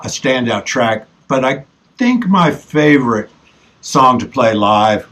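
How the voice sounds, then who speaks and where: A middle-aged man, a band member, chatting casually in a relaxed way with frequent pauses and ums. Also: mid-range voice. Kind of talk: casual conversation.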